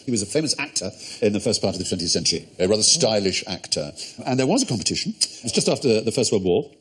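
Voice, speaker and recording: A man's voice: on the low side, very animated, fast talker, fairly bright tone, husky. A man hosting a comedy quiz show in a studio, erudite and playful, relishing his words. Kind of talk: witty panel show hosting. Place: TV studio with audience.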